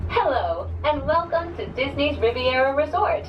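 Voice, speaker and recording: A woman announcer giving a formal, polite safety announcement, heard as a recording over a cabin loudspeaker. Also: high-pitched, expressive. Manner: polite and crisply measured. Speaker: ride announcer. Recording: echoey, distant, muffled loudspeaker with loud background noise.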